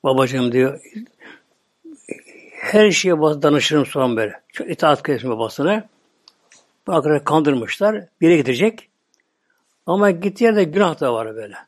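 A Turkish man preaching a religious talk, slow and repetitive, often dropping to a murmur or whisper. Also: a little high, animated. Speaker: Islamic preacher.

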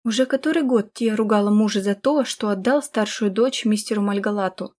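A woman reading a fantasy audiobook in steady, scripted storytelling narration. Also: medium pitch, brisk.

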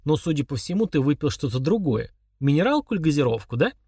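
A man voicing a calm, mocking young man who chats casually while confessing murder to his father. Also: on the high side, quick pace, slightly rough, no room sound, studio quality, heavily acted. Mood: coolly sneering. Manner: chummy, sneering, confessional tone.

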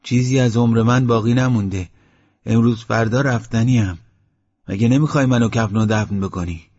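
A man's voice: mid-range voice, a little mellow, slightly rough, voice pushed up, lightly acted. A man voicing a sick, frightened old village headman who pleads anxiously, in a dull lo-fi audiobook recording. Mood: frightened pleading.

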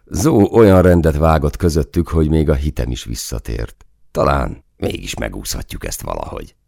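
A man's voice: very deep voice, animated, creaky, a little mellow, dry recording, studio quality. A man narrating an action audiobook in the first person, with tense, foul-mouthed storytelling. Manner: tense, action-driven storytelling with frequent swearing.

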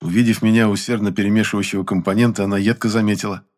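A man's voice: on the low side, little pitch movement, very fast, darkish tone. A man narrating an audiobook in the first person with a wry, ironic tone.

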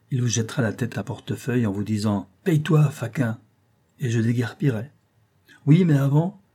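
A man's voice: medium pitch, mellow, slightly rough. A man reading an audiobook, voicing a scheming male mastermind who gives orders in a cool, commanding manner. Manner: commanding, coolly instructive.

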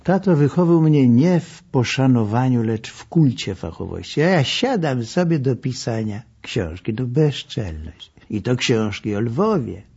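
An older man reading his memoir aloud, wry and unhurried in his storytelling. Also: mid-range voice, big pitch swings, a little mellow. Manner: wry, slow, gravelly storytelling. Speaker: memoir narrator. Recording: dull lo-fi recording.

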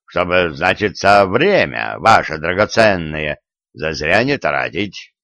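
A man's voice: low voice, sing-song, takes it slowly, fairly bright tone, no room sound, exaggerated voice. A man voicing a zealous, fawning male executioner in an audiobook, talking in an eager, pleading, servile way. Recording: dull, dry lo-fi recording.

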